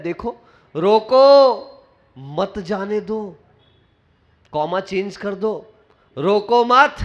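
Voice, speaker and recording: A man's voice: sits high, a bit bright. A male monk giving a sermon, full of rhetorical questions to his listeners and playful imitations of people from his anecdotes. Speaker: monk preacher.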